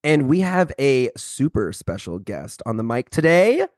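Male co-host, average pitch, casual slangy enthusiastic talk, very dry close sound. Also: big pitch swings, measured pace, a little mellow, no echo. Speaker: podcast co-host. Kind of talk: casual chat.

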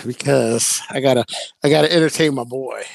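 A man's voice: medium pitch, normal speed, creaky, dry recording. A man co-hosting a casual podcast, ribbing his friends with wry remarks. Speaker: podcast co-host. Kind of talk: casual chat.

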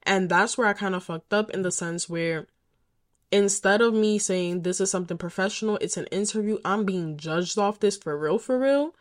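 A woman's voice: mid-range voice, moderate pace. A young woman candidly telling a personal story as a podcast host, emphatic and swearing often.

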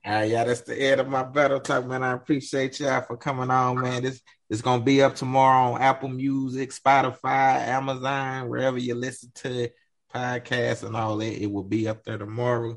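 A man's voice: medium pitch, flat delivery, moderate pace. A man hosting a podcast in casual slang, often addressing people as man or bro. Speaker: podcast host.

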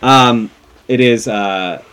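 A man narrating scenes as game master of a tabletop horror game, relaxed and chuckling. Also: very slow, a crowd in the background. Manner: relaxed, chuckling, describes scenes in a low soft voice.

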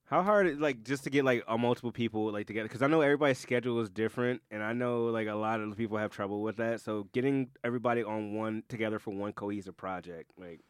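A man hosting a podcast, talking casually in an animated, rambling way with swearing. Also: on the low side, quick pace, hardly any pauses, clean tone, no room sound, studio quality. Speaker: podcast host.

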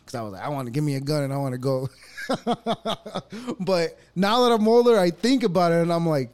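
Male host, thirties, from El Salvador; casual, stumbling, chatty, a touch high-voiced. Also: lively intonation, darkish tone. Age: 30s. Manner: halting, restarts often, laughs easily. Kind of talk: casual conversation.

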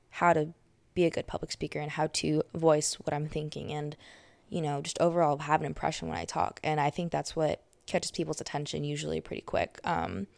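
A young woman in her late teens or twenties with a low voice and a gravelly, fry-laden edge. She hosts a podcast in a loose, chatty monologue, correcting herself as she goes. The sound is dry and close. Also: a little mellow, no echo. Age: young adult. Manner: chatty, filler-heavy, self-correcting. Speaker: podcast host. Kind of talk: casual monologue.

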